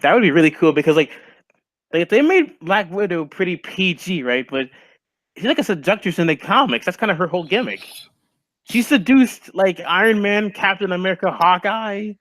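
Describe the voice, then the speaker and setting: A young man with a high, fairly bright voice and lively intonation chats at normal speed as a stream co-host on a call. He is casual and strongly opinionated, and he fills his speech with "like." The recording is dry.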